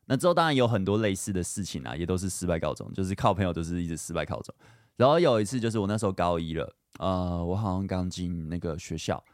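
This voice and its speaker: A fast-talking young podcast host with a deep voice delivers a casual storytelling monologue about his own life, candid and chatty, full of fillers, and animated as he retells. It's recorded with clean studio sound and no room sound.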